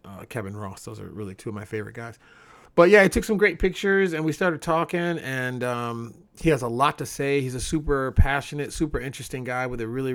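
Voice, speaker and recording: An upbeat podcast host from Chicago, a man with a medium-pitched voice, opens a casual podcast and interviews a guest. He sounds relaxed and upbeat, using frequent fillers.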